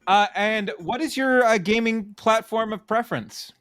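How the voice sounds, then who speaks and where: Hesitant, slightly high-voiced podcast host. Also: male voice, normal speed, fairly bright tone. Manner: hesitant, many filler sounds, leads the questions. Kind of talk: casual podcast interview.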